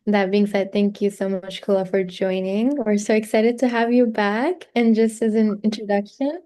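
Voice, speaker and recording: A woman's voice: mid-range voice, fairly even intonation, normal speed, warm tone. A woman hosting an online group session over a video call. She talks in a casual, friendly way and uses a lot of filler ums. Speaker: host.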